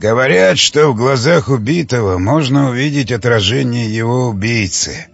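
A man voicing an old, weary cannibal leader who speaks slowly and low, with a grumbling, fatherly tone. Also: expressive, vocal fry, faint music behind. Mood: somber. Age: older. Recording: dull lo-fi dry recording.

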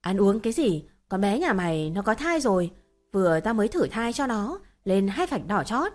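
A woman's voice: mid-range voice, sing-song, normal speed, soft background music, lightly acted. Woman doing a bossy scolding village aunt. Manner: loud, scolding, exclamatory.

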